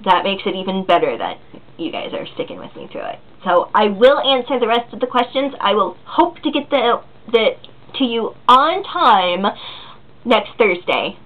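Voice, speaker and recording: A woman's voice: mid-range voice, big pitch swings, moderate pace. A woman in her early twenties chatting casually as a vlogger answering viewer questions, rambling and giggly with lots of ums and likes. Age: 20s. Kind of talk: casual chat. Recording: tinny phone-like recording.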